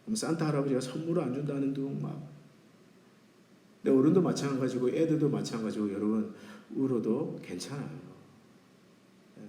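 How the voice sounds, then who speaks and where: A man's voice: mid-range voice, a little fast, long pauses, warm tone, a little hiss or hum. A man in his forties, a pastor, preaching a sermon at a Wednesday service in a conversational way and putting questions to the congregation. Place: church sanctuary. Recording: roomy church echo.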